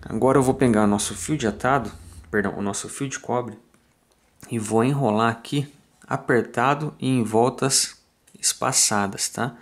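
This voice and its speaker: A man with a Brazilian Portuguese accent explains fly tying step by step in a calm, methodical way, counting off each turn aloud. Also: medium pitch, normal speed. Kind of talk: step-by-step tutorial narration.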